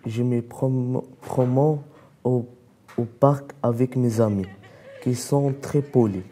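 A teenage boy from Morocco reads a personal letter aloud in a studio. He goes slowly and haltingly, restarting words as he reads. His voice is very dark and mellow. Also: mid-range voice, fairly even intonation. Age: teens. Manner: halting, stumbling reading. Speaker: student reading a letter. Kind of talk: reading aloud.

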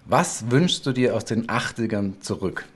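Speaking unhurriedly and expressively, a middle-aged man with a lowish voice hosts a relaxed, talkative interview. He's a talk show host working from a home studio indoors, with slight background noise.

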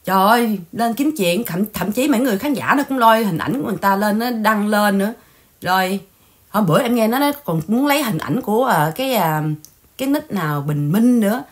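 With a mid-range, animated voice and a fairly quick pace, a woman running an online channel chats casually on a livestream. She spends it mocking others through scolding gossip.

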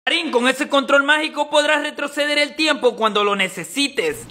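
A man's voice: very high-pitched, normal speed, noisy background. A man playing an eager, childlike part in a comedy skit. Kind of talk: comedy sketch voices.

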